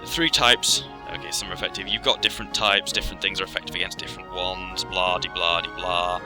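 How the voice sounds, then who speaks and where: A game commentator with a low-pitched, steady voice explains his gameplay in a casual, rambling way as he plays, speaking briskly. Video game music runs behind him.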